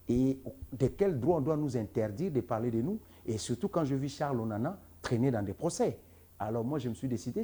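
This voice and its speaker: A man's voice: medium pitch, mellow, slightly rough. A man from the Democratic Republic of the Congo, answering interview questions as a guest, earnest and emphatic. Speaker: interview guest, entrepreneur and author.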